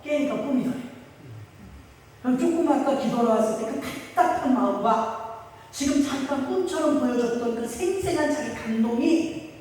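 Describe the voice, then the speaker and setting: A woman pastor telling a story in a sermon, animated and acting out the quotes, in a church sanctuary. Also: high voice, moderate pace. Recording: echoey hall from far off.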